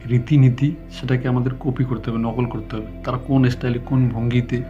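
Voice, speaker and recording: A man with a Bengali accent teaches an English lesson, speaking slowly and checking in with his viewers. His pitch stays flat and level as he talks without a script, now and then tripping over a word. The recording sounds slightly dull, with faint music underneath. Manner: slow, deliberate explaining with frequent checks; unscripted, stumbling at times.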